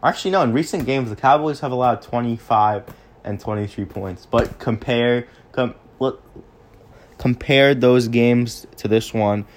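A man's voice: medium pitch, unhurried. A young man hosting a casual sports podcast, recapping games off the cuff, with frequent restarts and stumbles. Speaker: podcast host.

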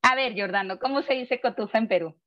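A woman with a Venezuelan accent, chatting casually on a podcast, lively and quick to laugh as she tells anecdotes. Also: a little high, lo-fi sound. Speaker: podcast co-host. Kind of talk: casual chat.

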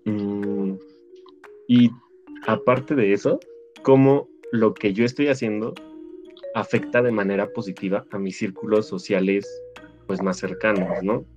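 A man's voice: fairly low pitch, steady tone, a little slow, darkish tone. A man, reflecting and thinking aloud in casual chat. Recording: slightly muffled, faint music.

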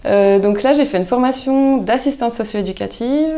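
A woman, a guest chatting casually in an interview, relaxed and thoughtful with frequent hesitations. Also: a little high, normal speed, slight background noise. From Switzerland. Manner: relaxed, thoughtful, many hesitations, laughs easily. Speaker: guest, soap maker.

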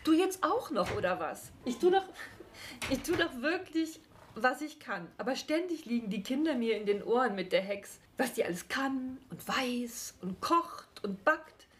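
A woman putting on a grumpy old gnome, storybook character, grumbling and cursing under his breath, pitched a bit higher, faint hiss behind. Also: animated, normal speed, few pauses, fairly bright tone. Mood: exasperated. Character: grumpy old male gnome, forest guardian, worried father.

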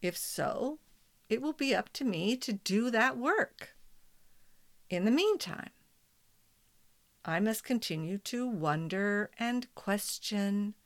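Calm, slow-paced woman leading meditation. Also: medium pitch. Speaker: meditation leader.

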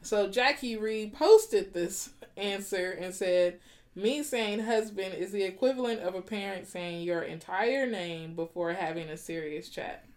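A woman's voice: medium pitch, a little slow, darkish tone. A woman co-hosting a relationship podcast, talking casually and with animation, laughing and teasing her partner. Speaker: podcast co-host.

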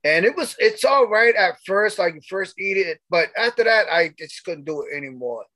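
A man's voice: high voice, lively intonation, normal speed, pushed and bright, no room sound. A man co-hosting a podcast, talking casually in a rambling way and often asking "you know what I'm saying". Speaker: podcast co-host.

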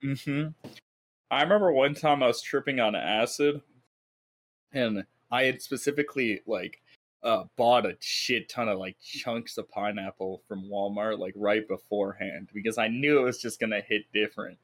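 A man's voice: on the low side, normal speed, fairly bright tone. A young man hosting a casual podcast over Discord, swearing freely and laughing often. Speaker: podcast host.

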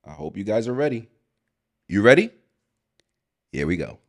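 A man's voice: lowish voice, moderate pace, music in the background. A man hosting a podcast, talking in an emphatic, hyped-up casual way. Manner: animated, emphatic, hypes the show. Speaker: podcast host.

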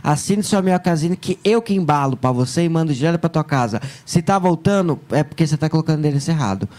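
Lively joking man hosting a stream. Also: on the high side, quick pace. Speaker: live stream host. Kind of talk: joking live stream chat.

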